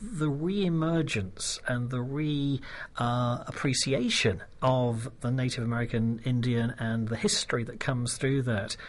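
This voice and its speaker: A man's voice: medium pitch, fairly even intonation, unhurried. Chatty, rambling British man hosting radio. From Britain. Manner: chatty, rambling, laughs often. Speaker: radio show host. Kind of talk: casual radio chat.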